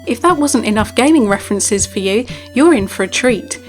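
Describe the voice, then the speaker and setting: A woman's voice: on the high side, lively intonation, moderate pace. A woman giving a scripted narration for a video game feature. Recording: music behind. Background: background music.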